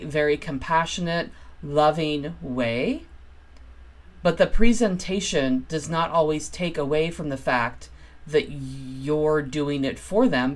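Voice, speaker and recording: Low-voiced woman talking self-help. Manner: earnest, explanatory, repeats points with frequent ums; acts out quoted inner voices with livelier, louder delivery. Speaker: podcast host. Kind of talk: reflective self-help talk.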